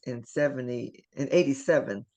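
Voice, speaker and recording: A woman's voice: very deep voice, normal speed, warm tone. A woman from Ohio hosting an interview, affirming her guest and laughing along. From Dayton, Ohio. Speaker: host.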